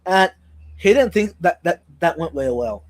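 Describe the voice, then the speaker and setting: A man chatting casually as a live stream co-host, halting and repeating words, his speech slightly impeded by a sore on his tongue. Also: a little high, lively intonation, dry recording.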